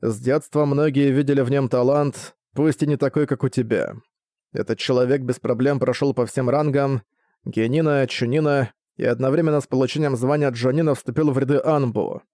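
A cold, scheming old ninja commander, as a male audiobook reader puts him on, speaking evenly with an icy edge. The voice is mellow and low-key, recorded dry and close. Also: steady tone, fairly quick, dry recording, natural voice. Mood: cold, level. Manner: level, icy delivery.

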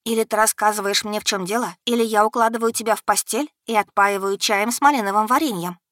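A woman voicing a lively, caring young heroine with eager, animated speech. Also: mid-range voice, quick pace, dry recording, clean studio sound, voice pushed up, close to an everyday voice.

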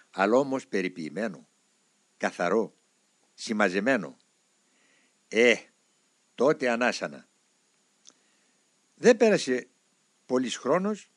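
A man reading a biography aloud as scripted narration, in a measured and expressive way. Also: medium pitch, dry recording.

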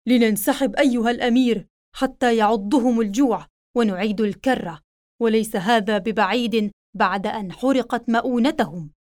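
A woman's voice: on the high side, normal speed, darkish tone, close to an everyday voice. A woman voicing a loyal male soldier who speaks earnestly and urgently, pleading with his commander. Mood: urging.

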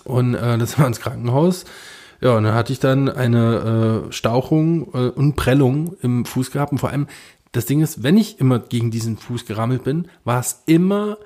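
A man's voice: medium pitch, moderate pace, mellow. A man co-hosting a podcast, telling a story in casual chat, full of fillers and restarts. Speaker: podcast co-host.

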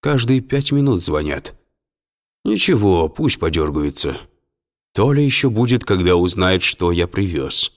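A man doing a sly, unhurried businessman with a deep voice. He stays affable and unruffled, with a faint mocking edge. His pitch moves freely as he talks. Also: sing-song. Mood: calm, sly. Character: calm, sly male businessman, smooth-talking.

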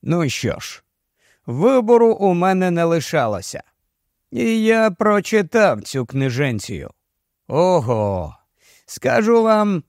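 High-voiced male audiobook narrator. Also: dry recording, studio quality. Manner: expressive, lively first-person storytelling. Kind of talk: expressive audiobook reading.

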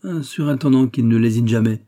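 A man's voice: medium pitch, fairly quick, warm tone, close to an everyday voice. A man voicing a genial young prince. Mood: approving.

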